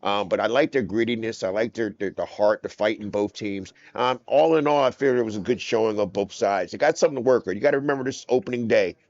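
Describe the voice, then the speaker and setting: A man's voice: lowish voice, fast, few pauses, a little mellow, dry recording, muffled recording. A man from New Jersey with a mix of Jersey accent and Texas drawl, doing color commentary on a football game and repeating phrases for emphasis. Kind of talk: sports commentary.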